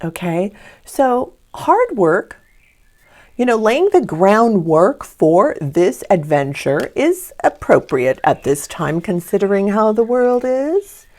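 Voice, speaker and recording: A woman's voice: mid-range voice, big pitch swings, takes it slowly. Chatty woman giving a tarot reading. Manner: chatty, spiritual, upbeat and warm-toned with laughs. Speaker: tarot reader. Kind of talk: casual tarot reading to camera.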